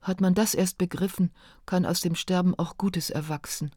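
A woman reading a first-person narration in a calm, measured, reflective way. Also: lowish voice, no room sound, studio quality. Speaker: audiobook narrator.

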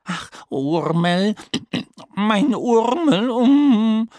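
A man's voice: high-pitched, big pitch swings, a little mellow, no echo, clean studio sound, pitched above the performer's own voice, exaggerated voice. Man putting on a wailing motherly pig. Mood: wailing lament. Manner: wailing, drawn-out lament. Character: sobbing female pig, motherly and fretful. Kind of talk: storybook reading.

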